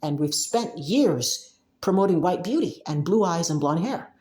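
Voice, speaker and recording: A young Cameroonian woman, a software developer, chats to the camera in a casual, emphatic monologue, restarting often and laughing a lot. Her voice is fairly low and dark, a little slow, with lively intonation.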